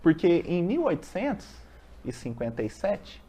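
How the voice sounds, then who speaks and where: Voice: mid-range voice, big pitch swings, a little slow, dark tone, husky. A speaker with a Brazilian accent leads a casual religious study group, reading a text aloud and explaining it with everyday examples and rhetorical questions. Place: meeting room of a university study group.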